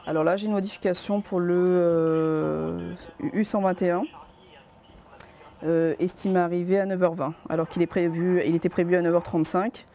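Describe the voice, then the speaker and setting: A woman's voice: on the low side, level tone, moderate pace, dark tone. A woman working as an operations coordinator, explaining her job in practical work talk. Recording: faint office background noise.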